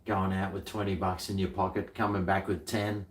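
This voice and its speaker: A man's voice: low voice, level tone, normal speed. A middle-aged man with an Australian accent chatting casually on a livestream, laid-back, blokey and full of slang. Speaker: livestream host. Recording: roomy, echoey sound.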